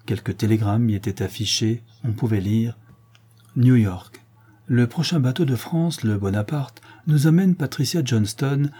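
A man narrating an audiobook in a steady, measured reading voice. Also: medium pitch, slightly rough.

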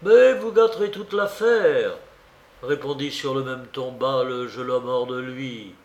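Blustering drunk student, loud, roomy sound, read by a man. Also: mid-range voice, unhurried, dull audio, slight background noise, lightly acted. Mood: hushed urgent. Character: boisterous drunk young student. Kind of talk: audiobook character reading. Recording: roomy recording.

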